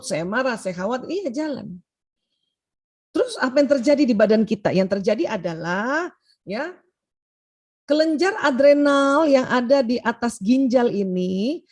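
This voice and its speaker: A woman's voice: a little high, lively intonation, unhurried, darkish tone. A middle-aged woman giving an informal health talk to mothers, chatty, with frequent "ya" and direct address to her listeners. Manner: chatty, addresses the audience as "Bu", often adds "ya".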